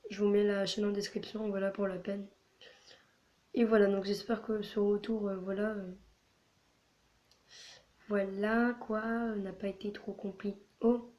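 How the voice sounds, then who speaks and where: Rambling hoarse French-speaking woman. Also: medium pitch, flat delivery, a little slow, long pauses, warm tone. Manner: rambling, full of filler words. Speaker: channel host. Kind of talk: casual gaming vlog chatter.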